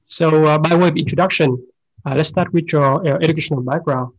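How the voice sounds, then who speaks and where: A man's voice: on the high side, husky, highs cut off. A man hosting a podcast interview, reading prepared introductions and questions with frequent hesitations. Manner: reads prepared questions with many "uh" pauses. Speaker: podcast host.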